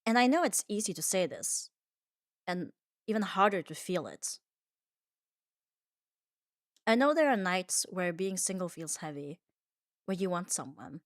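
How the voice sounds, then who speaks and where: An ASMR creator with a medium-pitched voice speaks close to the mic in a dry recording. Her calm comfort monologue is soothing, reassuring, and unhurried.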